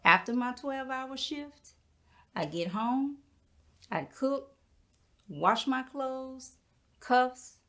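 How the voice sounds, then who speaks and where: Actress playing a proud middle-aged house cleaner. Higher voice, slow and unhurried, with folksy dignity. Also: female voice, lively intonation, a bit bright, full character voice. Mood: dignified. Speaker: actor performing a stage monologue. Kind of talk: theatrical monologue.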